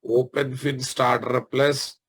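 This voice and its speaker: A man with a Telugu Indian accent and a slightly husky voice, teaching a live technical class, repeating phrases and quizzing his students informally. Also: medium pitch, level tone, takes it slowly, fairly bright tone. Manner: repeats phrases, often addresses listeners informally. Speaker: programming instructor.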